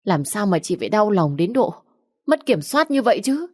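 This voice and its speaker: A woman's voice: medium pitch, sing-song, moderate pace, darkish tone, no echo, clean studio sound, voice pushed up. A woman reading a story aloud, voicing a spoiled young woman who cries on cue and pleads in a whiny voice. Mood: sugary coaxing.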